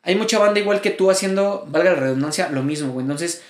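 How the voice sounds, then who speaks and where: A man's voice: high-pitched, fast talker, roomy sound. A man with a Mexican accent co-hosting a casual podcast chat, slangy and rambling, swearing freely. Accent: Mexican Spanish. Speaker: podcast co-host.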